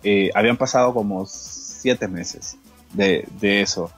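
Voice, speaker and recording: A man's voice: on the low side, slow pace, husky, faint music behind. A man with a Honduran accent, a guest singer and pastor, tells a personal story in an interview, acting out the dialogue and often repeating words. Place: radio studio.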